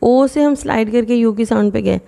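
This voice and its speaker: A woman teaching phonics to children in a patient, explaining way, sounding out words slowly. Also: on the high side, gravelly, warm tone.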